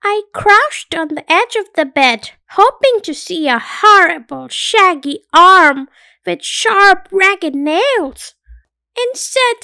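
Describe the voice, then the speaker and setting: A woman with a very high voice reads a children's bedtime story aloud. She narrates slowly and expressively, with playful emphasis. The sound is close and dry. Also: bright, forceful tone, no room sound.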